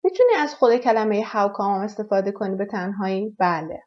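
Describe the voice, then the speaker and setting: A woman teaches everyday English questions. She says each model sentence slowly and carefully and gives her explanations at a brisk pace. Her voice sits at a middle pitch, and the recording sounds a little dull and lo-fi. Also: lively intonation. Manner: repeats English phrases slowly and clearly, explains quickly in Persian. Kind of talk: language lesson, slow model sentences.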